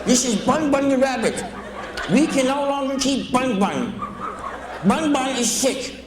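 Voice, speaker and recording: A man putting on the high, whiny voice of a flustered fussy mother in a comic story. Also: animated, measured pace, a crowd in the background. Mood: mournful. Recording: roomy live theater sound.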